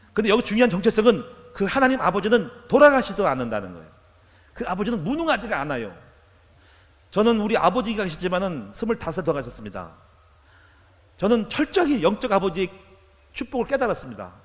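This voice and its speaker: An older man delivers an emphatic sermon from the pulpit. His pitch sits high and leaps around. A long reverb trails his words through the church hall. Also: fairly bright tone. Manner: emphatic preaching, leads congregation in repeated declarations. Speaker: pastor. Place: church sanctuary.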